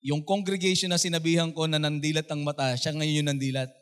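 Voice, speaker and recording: Filipino pastor guy, high voice, animated sermon story, acts out the people in it. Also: fast talker, clear, resonant tone. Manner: animated, acts out quoted voices, laughs at own jokes.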